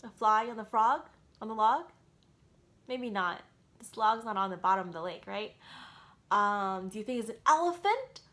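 A thirtysomething woman of medium pitch reads a picture book at a moderate pace, with long pauses between lines. She's lively and interactive, questioning young children directly, in a small quiet room at home.

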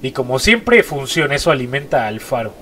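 A man's voice: mid-range voice, very animated, a little fast, bright, forceful tone, a little hiss or hum. A man with a Mexican accent, stuffy-nosed from a cold, giving jumpy horror gameplay commentary and repeating short exclamations. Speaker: gaming YouTuber.

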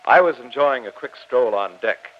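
A man's voice: medium pitch, lively intonation, moderate pace, natural voice. Professor Arnaud, a man as a grave muffled narrator. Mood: composed. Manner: formal, dramatic, descriptive. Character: grave, observant male professor narrating his ordeal. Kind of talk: old-time radio drama narration. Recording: muffled old radio recording.

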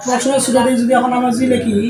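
A man's voice: very high-pitched, completely flat delivery, very fast, music in the background. A male teacher, giving a classroom lesson and answering his own questions over and over. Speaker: English teacher. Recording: roomy sound with faint background noise.

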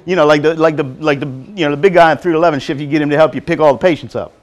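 A man giving a lively, joking motivational talk to nursing assistants, acting out quotes as he goes. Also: a little high, racing, muffled recording. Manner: animated, joking, acts out quotes. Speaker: motivational speaker. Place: college hall before an audience.

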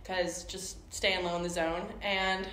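Nervous young woman athlete, low-ish voice. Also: level tone, unhurried, a bit bright. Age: young adult. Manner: nervous, self-conscious, laughing. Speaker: college softball pitcher. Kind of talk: postgame press conference. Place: press conference room. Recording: echoey room, faint noise.

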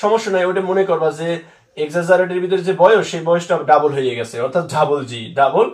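A man's voice: high voice, fast talker, a little mellow, echoey room, distant mic. A man teaching English spelling to students, patiently repeating words and spelling them out letter by letter.

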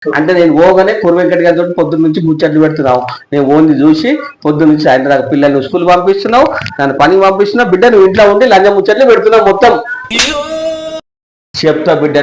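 A man's voice: a little high, rapid-fire, a little mellow, echoey room, poor audio. A man playing a jealous husband in a comedy skit, accusing and quarrelsome. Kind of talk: Telangana Telugu comedy skit acting.

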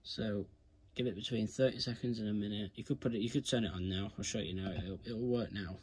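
A man's fairly low voice, fairly even in intonation and a little fast, guides viewers through a casual hands-on tutorial. The video creator talks to them informally as "guys" from a carpeted indoor room, with clear background noise and handling clicks in the audio.

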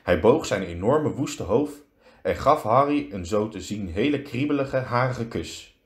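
A male teacher reading a children's story aloud with lots of expression. He stretches words out for effect and keeps a medium pitch. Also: animated, unhurried.

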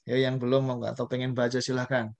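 A man's voice: mid-range voice, monotone, fast talker, a little mellow. A male teacher, leading an online Arabic class and patiently drilling pronunciation syllable by syllable over a video call.

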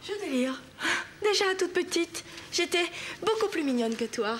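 A smug, catty young woman teases and brags in a high voice. Her remarks are sharp and boastful. A clear hiss runs under the sitcom audio. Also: expressive, normal speed. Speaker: sitcom character. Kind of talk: 1990s TV sitcom acting. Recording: TV sitcom audio with background noise.

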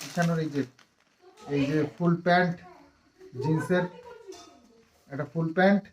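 Low-voiced woman chatting casually for a vlog. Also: steady tone, normal speed, a crowd in the background. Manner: chatty and rambling, with many fillers; fond and teasing when talking to a child. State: tired after a long ride. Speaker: family vlogger. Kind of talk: casual vlog chat to camera.

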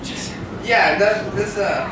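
A man wrapping up an open mic stand-up set in a small cafe, talking in a rambling, halting way. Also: high-pitched. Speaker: stand-up comedian. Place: small cafe, live comedy night. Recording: echoey room, distant mic, loud noise.

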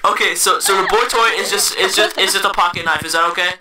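Man playing a high-pitched, flustered drive-thru cashier. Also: fairly even intonation, fast talker, natural voice. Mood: amused, flustered. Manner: stammering, repeating words, breaking into laughter. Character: young male fast food drive-thru cashier, flustered, giggly. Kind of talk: improvised comedy role-play. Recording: noisy amateur recording with clicks.

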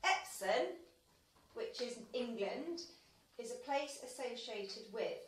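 Echoey, high-voiced woman quizmaster, far from mic. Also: lively intonation, slow pace. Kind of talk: reading out multiple-choice quiz questions casually. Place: small tiled bathroom with shower. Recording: echoey, distant mic with light noise.

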